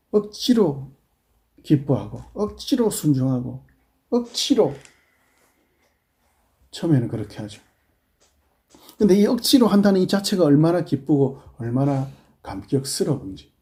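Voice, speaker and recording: Korean pastor with a Busan accent, dark-toned. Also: male voice, mid-range voice. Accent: Busan Gyeongsang Korean. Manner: swings from hushed, prayerful murmurs to loud scolding rhetorical questions. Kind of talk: sermon.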